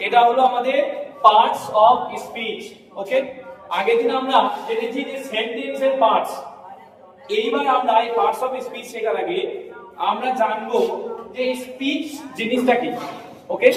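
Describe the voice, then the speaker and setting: A man's voice: very high-pitched, a bit bright. A male teacher giving a classroom lesson, often stopping to check that his students follow. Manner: keeps checking understanding with quick questions. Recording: echoey hall, voice from far off.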